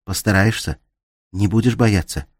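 A man reading the part of a young woman who stays calm and takes charge in danger, in an urgent hushed voice. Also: low-pitched, a little fast, husky, no room sound, studio quality. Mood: urgent whisper. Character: young woman, tense but steady in danger.

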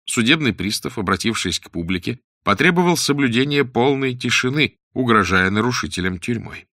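A man narrating a story aloud in a measured, expressive reading. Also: medium pitch, no room sound, clean studio sound. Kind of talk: scripted audiobook narration.

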